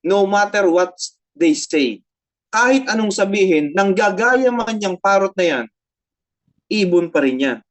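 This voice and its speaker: A woman's voice: mid-range voice, animated, measured pace. A woman pastor with a Filipino accent, preaching a sermon, switching between Tagalog and English, repeating phrases and asking the congregation frequent tag questions.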